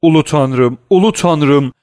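A man's voice: fairly high pitch, slow pace, a little mellow, dry recording, clean studio sound, pitched above the performer's own voice. A man voicing a frightened, cornered royal prosecutor who answers in a flustered, evasive way.

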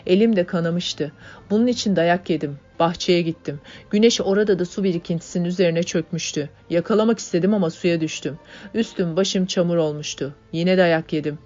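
A woman voicing a young male worker who talks in a sweet, soft-spoken way. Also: on the low side, fairly quick, natural voice. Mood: gentle. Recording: dull lo-fi audiobook, faint music.

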